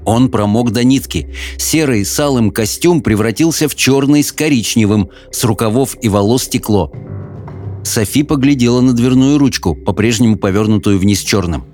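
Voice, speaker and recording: A man giving expressive, measured audiobook narration of a fantasy novel. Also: medium pitch, faint music behind.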